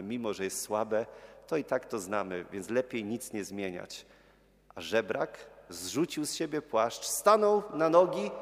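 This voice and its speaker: A priest giving a sermon, telling a Gospel story and acting out the crowd's and the beggar's cries. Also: male voice, on the low side. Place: church. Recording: church with long reverb.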